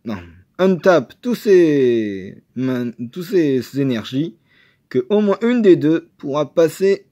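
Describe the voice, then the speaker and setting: A man chatting casually while opening trading card boosters, excitable and full of hesitations. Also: a little high. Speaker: card game video maker.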